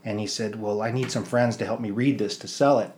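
Appearing as an interview guest, this middle-aged theater producer and actor with an American accent tells stories in a loose, meandering, casual way. He speaks a little quickly, with a fairly low, steady, slightly mellow voice.

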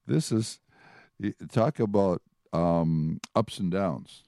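A man's voice: low-pitched, animated, very slow, dark tone, dry recording, clean studio sound. A man teaching from the Bible in a conversational way, retelling and reading passages aloud. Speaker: preacher.

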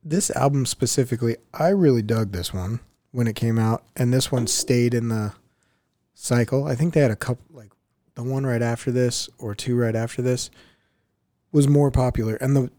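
A man's voice: mid-range voice, moderate pace, mellow. A man co-hosting a music podcast in casual, profane chat, laughing often. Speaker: podcast co-host.

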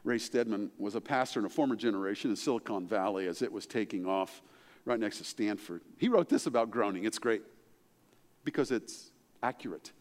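A middle-aged male pastor preaching a sermon, chatty and conversational, swinging from quiet asides up to emphatic, higher-pitched peaks. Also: brisk. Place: church sanctuary. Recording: long hall reverb.

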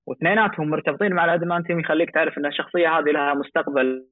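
A male guest explains things eagerly on a casual podcast. He talks very fast in a somewhat high voice. His sound comes through a tinny, phone-like call line. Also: steady tone, dry recording. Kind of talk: casual chat.

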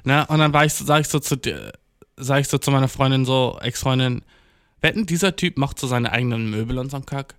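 A man's voice: medium pitch, fast, smooth, dry recording, clean studio sound. A young man in a casual, rambling monologue, heavy with slang and English words, acting out the voices in his stories. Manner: acts out quoted dialogue while storytelling. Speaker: solo talker.

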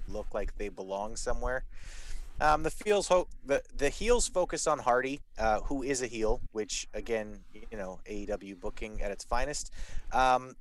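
A man hosting a casual wrestling podcast, talking emphatically with sardonic asides and plenty of swearing. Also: medium pitch. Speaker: podcast host. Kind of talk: casual profane wrestling show commentary.

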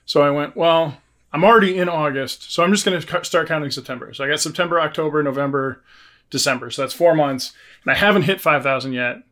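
A man's voice: on the high side, fast talker, fairly bright tone. A man co-hosting a podcast in casual conversation, informal and thinking aloud as he goes. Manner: informal, thinking aloud with false starts and self-quotes. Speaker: podcast co-host.

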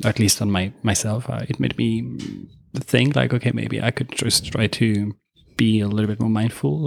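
A man in a casual group chat, talking in a hesitant, halting way with many fillers. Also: mid-range voice, vocal fry, dry recording. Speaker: guest.

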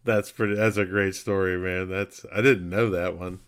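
A man with a low voice hosts a relaxed interview. He keeps his remarks short and agreeable before asking his next question. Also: normal speed, clear, resonant tone. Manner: brief, agreeable backchannels.

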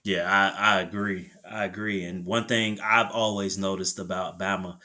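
A man with a lowish voice in casual sports talk. He speaks in a relaxed, agreeable way and often chimes in with short agreement. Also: moderate pace.

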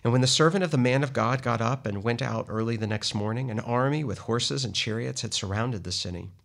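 A man giving a steady, measured Bible reading, lightly voicing the people in the text. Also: mid-range voice, vocal fry. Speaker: scripture reader.

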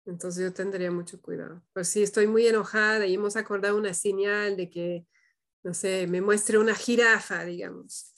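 A woman leading a parenting practice group, speaking calmly and thoughtfully with frequent questioning tags. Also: medium pitch, normal speed. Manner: calm, thoughtful, many "¿no?" tags. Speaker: group facilitator. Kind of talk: reflective group discussion.

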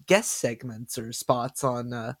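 A man hosting a podcast, chatting casually with a nasal voice and excitable, stumbling delivery. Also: medium pitch, slow pace, dry recording, clean studio sound. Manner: excitable, stumbling over words. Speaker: podcast host.

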